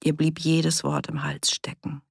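Woman reading a story, deep-ish husky voice, measured, dry close recording. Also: flat delivery, no echo. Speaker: audiobook narrator. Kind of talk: scripted narration.

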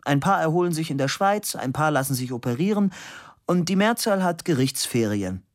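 A man voicing a young man who gives absurd answers in a raised, dry, deadpan voice. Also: fairly high pitch, moderate pace, voice pushed up, lightly acted.

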